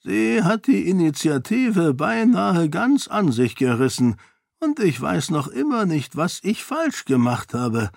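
A gruff old duke who weighs his words and speaks slowly and dryly, as a male narrator puts him on. His voice is gravelly and pitched a little above the reader's own. The recording is dry and close. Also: big pitch swings, a little mellow, dry recording, heavily acted. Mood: measured. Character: older duke, gruff self-styled old bear. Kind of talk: audiobook character voice.

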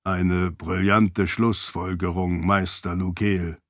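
A man voicing a dry, deadpan elderly male servant who speaks slowly and low. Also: no echo.

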